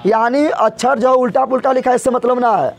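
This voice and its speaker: A man teaches a math class in a classroom. His voice sits very high, and he keeps asking the same question twice and stretches out slow counting for his students. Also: fairly even intonation, creaky. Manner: drills students with repeated questions, drawn-out counting. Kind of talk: classroom lesson with call-and-response questions.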